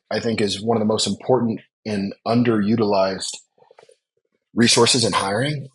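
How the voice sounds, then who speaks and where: A man's voice: lowish voice, husky, poor audio. A man speaking as a business leader guest on a podcast interview, earnest and reflective, stressing his points.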